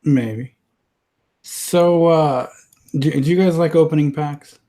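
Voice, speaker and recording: A man's voice: fairly high pitch, slow, mellow. A man co-hosting a casual podcast, talking hesitantly with lots of restarts. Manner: hesitant, many fillers and restarts. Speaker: podcast co-host. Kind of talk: casual chat.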